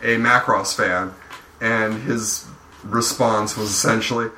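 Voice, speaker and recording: A man talking loosely in a group podcast chat, his speech full of ums and uhs. His voice is bright and forward. He sounds a little far from the mic in a roomy space with faint background noise. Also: on the low side, steady tone, slow pace. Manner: rambling, many ums and uhs. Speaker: podcast co-host.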